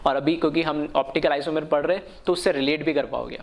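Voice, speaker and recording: A man's voice: fairly high pitch, gravelly, a little hiss or hum. Man teaching chemistry, question-and-answer style. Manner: slow, dictated English definitions; asks questions then answers them. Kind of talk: online lecture.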